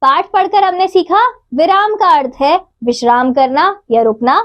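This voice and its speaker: High-voiced woman teaching children. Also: highs cut off. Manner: slow, clear reading of examples. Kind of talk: children's grammar lesson.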